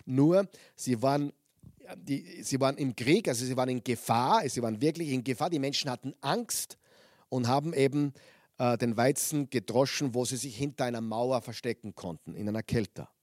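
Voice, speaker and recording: A man preaching a sermon, reading Bible passages aloud with lively emphasis and stopping to explain them to his listeners. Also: mid-range voice, moderate pace, no echo, studio quality.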